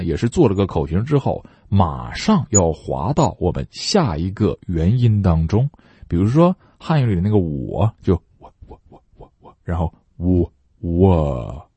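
A man's voice: sits low, warm tone, breathy edge, no echo. A man teaching English pronunciation, explaining patiently and stretching out demonstration words for students to repeat. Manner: patient, chatty explaining between drills. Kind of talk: phonetics lesson with repeat-after-me drills.

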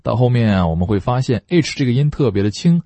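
A man's voice: medium pitch, big pitch swings, quick pace, warm tone, no room sound. A man teaching English pronunciation, explaining patiently and stretching out demonstration words for students to repeat. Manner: patient, chatty explaining between drills. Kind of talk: phonetics lesson with repeat-after-me drills.

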